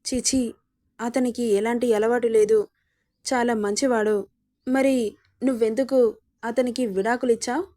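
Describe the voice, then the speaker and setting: A woman's voice: on the high side, steady tone, unhurried, pauses often, warm tone, lightly acted. A woman reading the part of a hurt, regretful young wife. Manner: pleading, hurt.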